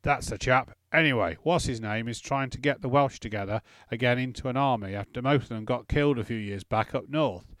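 A man voicing a drunk, boastful middle-aged lord who slurs his words and gossips loudly. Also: mid-range voice, brisk, few pauses, no room sound, lightly acted. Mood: boozy, boastful. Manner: slurring, loud, gossipy.

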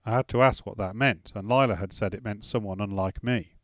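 A man reading a first-person story as audiobook narration, in a steady storytelling manner. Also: on the low side, fairly quick, no echo.

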